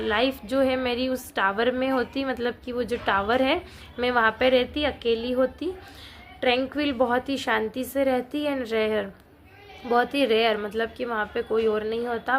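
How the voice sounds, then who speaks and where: A woman teacher, reading lines slowly and explaining them line by line in simple conversational speech. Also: fairly high pitch.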